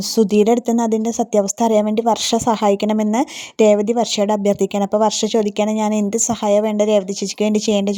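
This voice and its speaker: A woman's voice: medium pitch, dark tone. A woman casually retelling a TV serial episode, voicing each character's lines in her own voice. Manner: informal and colloquial, with sound words and restarts. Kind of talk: casual storytelling recap of a TV serial.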